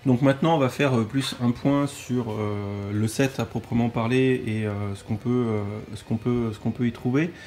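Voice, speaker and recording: A man's voice: mid-range voice, steady tone, moderate pace, few pauses, a little mellow, soft background music. A man co-hosting a toy set review in casual chat, often repeating his own phrases.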